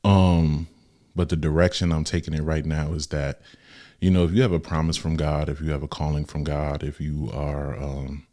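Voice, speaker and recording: Deep-voiced young man chatting casually. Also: normal speed. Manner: relaxed and conversational with slang. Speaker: podcast host. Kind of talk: casual faith podcast talk.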